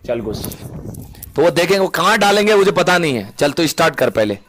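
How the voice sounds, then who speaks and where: A man's voice: on the high side, sing-song, fairly quick, fairly bright tone, a little hiss or hum, rough recording. A man livestreaming on a phone, arguing heatedly and cutting in again and again. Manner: argumentative, keeps cutting in and repeating himself. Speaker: livestreamer in a live battle. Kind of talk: heated live argument.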